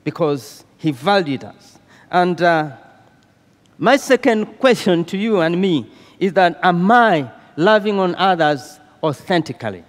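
Male preacher, high voice, unhurried sermon delivery, church hall reverb. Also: lively intonation. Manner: slow, deliberate preaching with fillers and repeated phrases.

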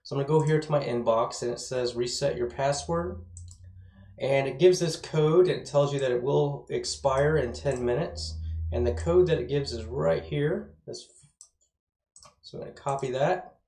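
In an echoey little room with bare walls, a thirtysomething web development instructor talks through a screencast tutorial with casual enthusiasm. His mid-range, darkish voice moves at a normal speed, though his words come out slightly slurred, as if his mouth is still numb from dental work.

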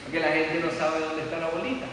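This middle-aged man speaks fast in a level, high-leaning voice during a motivational seminar, mixing stories with rhetorical questions aimed at the audience. The recording comes from far off in an echoey hall and carries background noise.

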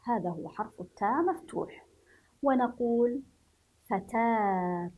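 Husky woman teaching young children. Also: mid-range voice, animated, highs cut off. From Yemen. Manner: slow, clearly spelled out, questioning the class. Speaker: primary school teacher. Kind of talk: children's reading lesson.

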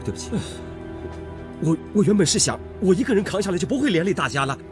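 A man's voice: sits high, very animated, fast talker. A grim, stubborn village man, tense and troubled, his voice rising and falling widely. Music plays underneath. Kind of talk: TV drama acting. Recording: drama audio with music underneath.

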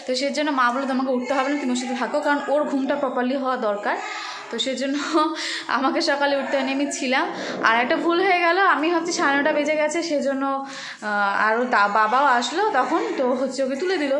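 A woman's voice: high voice, fast talker, a crowd in the background. A young woman, casually chatting on a family vlog and talking to her baby. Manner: chatty, talks to her baby in a playful sing-song. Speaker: vlogger, mother of a baby. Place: busy family house full of relatives. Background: chattering relatives.

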